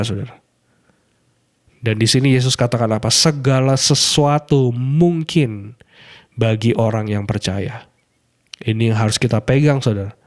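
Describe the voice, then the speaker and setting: A male pastor preaching a sermon in an earnest way, stretching key phrases slowly and often turning to address his listeners directly. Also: mid-range voice, a little mellow. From Indonesia. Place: radio program.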